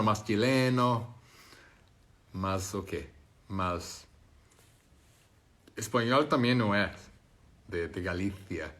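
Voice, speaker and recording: A man from Brazil who speaks Portuguese, with a Brazilian Portuguese accent, hosts a casual live stream and reads viewer comments aloud, halting and searching for words. His voice sits low and has a fairly bright tone.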